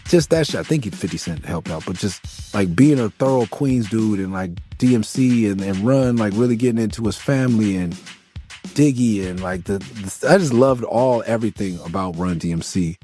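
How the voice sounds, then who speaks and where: A podcast-hosting rapper from Los Angeles, his nasal voice fairly low and his pace moderate, spins loose, profane stories about recording his album. He retells them animatedly with quoted voices, and faint music plays behind.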